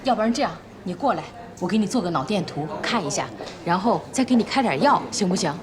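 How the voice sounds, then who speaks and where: An actress playing an exasperated emergency room nurse. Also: female voice, mid-range voice, animated, a crowd in the background, natural voice. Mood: coaxing. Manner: brisk, exasperated.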